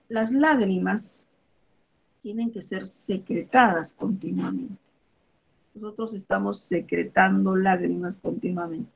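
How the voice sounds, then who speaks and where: Gravelly-voiced woman teaching biology. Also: medium pitch, darkish tone, lo-fi sound. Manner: explains with everyday examples, checks in with "¿ok?" and "¿ya?". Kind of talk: online review lesson.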